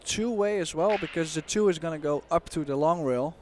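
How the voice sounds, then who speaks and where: Male pool analyst, higher voice, explanatory. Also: darkish tone, slight background noise. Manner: explanatory, measured, uses fillers like "you know". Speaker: expert co-commentator. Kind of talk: analytical sports commentary.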